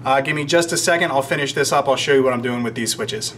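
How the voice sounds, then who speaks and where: Talking fast in a mid-range, slightly bright voice, this Georgia-born American man in his thirties casually explains something to the camera and drifts into rambling, wry jabs at himself. He's indoors in a shop workroom being renovated, recorded by a camera microphone roughly an arm's length off, with faint noise behind him.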